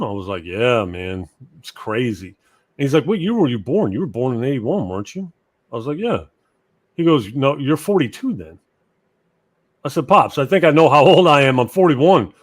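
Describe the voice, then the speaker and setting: Podcast guest, male, forties, laid-back rambling talker. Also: medium pitch. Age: 40s. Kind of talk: casual chat.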